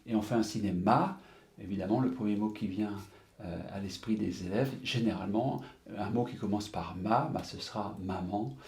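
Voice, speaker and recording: A man's voice: on the low side, moderate pace, darkish tone, roomy sound. A man presenting a video lesson on teaching writing to young pupils, hesitant, with many fillers, spelling words out letter by letter. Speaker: teacher trainer presenting a reading method.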